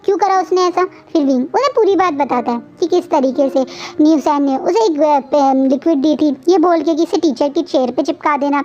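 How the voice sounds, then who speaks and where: A woman's voice: high voice, normal speed, warm tone, dull audio. A woman casually retelling a fan fiction story, chatty and restarting her sentences often. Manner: chatty, frequent restarts and fillers.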